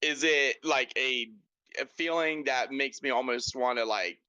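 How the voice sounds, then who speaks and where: A man playing a tabletop game over voice chat, talking in halting, rambling bursts full of fillers as he describes what his character does. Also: mid-range voice, sharp tone, smooth, no echo, highs cut off. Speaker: player.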